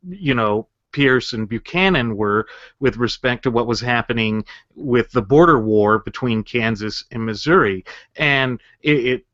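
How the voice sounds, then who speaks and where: An earnest man co-hosts a political talk show and argues his case point by point. He sits at a middling pitch and leans on rhetorical questions. The recording is dry and close, with dull, muffled lo-fi sound. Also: fairly bright tone, no echo. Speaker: co-host.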